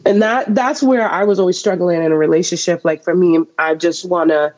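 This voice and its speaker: A woman's voice: fairly low pitch, fairly quick, a little mellow, rough recording. A young adult woman co-hosting a podcast, talking in casual, reflective run-on thoughts. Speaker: podcast co-host. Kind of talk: casual chat.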